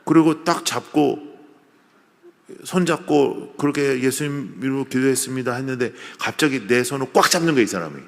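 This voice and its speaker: A man preaching a revival sermon in a conversational, animated way, acting out little scenes for the congregation, recorded in a large church. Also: medium pitch, moderate pace. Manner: lively, conversational preaching with acted-out asides. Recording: long church hall reverb.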